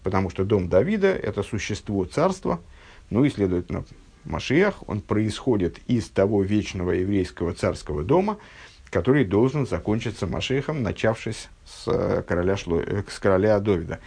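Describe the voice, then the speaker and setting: Male religious teacher, somewhat low voice, measured text-study lecture, frequent hesitations. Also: animated, creaky, a little mellow, slightly rough. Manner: measured, halting, with frequent fillers and self-corrections; reads and translates Hebrew quotations.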